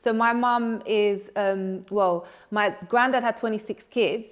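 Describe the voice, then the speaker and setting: A woman's voice: mid-range voice, fairly even intonation, unhurried. A young woman who grew up in the Netherlands, talking casually as an interview guest and filling her sentences with "like". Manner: chatty, frequent "like" fillers.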